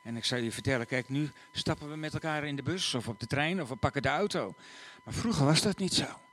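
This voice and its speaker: A man telling a story to listeners in an animated way, acting out the characters. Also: fairly high pitch, fairly quick, a little hiss or hum. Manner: animated, acts out the voices.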